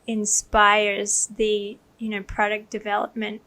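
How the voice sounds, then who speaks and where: A woman's voice: mid-range voice, monotone, a little slow, bright, forceful tone. A woman who grew up in Thailand, hosting a podcast interview in an eager, chatty way full of "like". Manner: enthusiastic, many "like" fillers. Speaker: podcast host. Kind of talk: casual interview.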